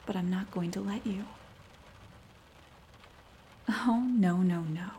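A woman playing a seductive, teasing, dominant neighbor in an ASMR role-play, breathy and coaxing, speaking intimately right in the listener's ear. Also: mid-range voice, a little hiss or hum. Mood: teasing, withholding. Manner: intimate soft-spoken right in your ear; slow, coaxing, breathy delivery.

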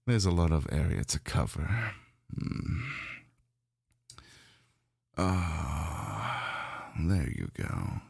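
A man's voice: very deep voice, sing-song, very slow, gravelly, long pauses, husky, no room sound, clean studio sound, heavily acted. A man voicing a domineering, lustful male dragon in an adult audio roleplay, speaking in a commanding, gloating manner.

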